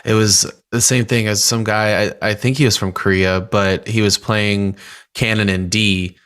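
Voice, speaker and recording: Smooth-voiced laid-back podcast host. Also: male voice, lowish voice, normal speed. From North Carolina. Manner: relaxed, easygoing, lots of "you know". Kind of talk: casual interview chat.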